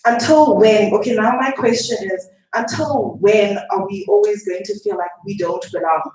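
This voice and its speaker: A young woman from Zimbabwe asks an emotional question from the floor, shaky and urgent, talking fast. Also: mid-range voice, a little mellow. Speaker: audience member asking a question. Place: lecture hall at a public event. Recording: echoey hall, far from mic.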